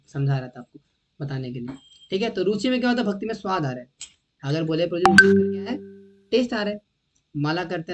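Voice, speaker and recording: A man giving a devotional lecture in a conversational way, often checking whether his listeners follow and often clearing his throat. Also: fairly high pitch, highs cut off. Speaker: devotional teacher.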